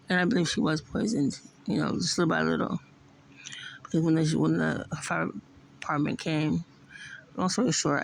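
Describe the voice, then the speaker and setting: Woman, mid-life, very gravelly voice, rambles on in a loose rant, cusses some, lots of "you know". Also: sits low, a little hiss or hum, poor audio. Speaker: vlogger. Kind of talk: casual rambling monologue.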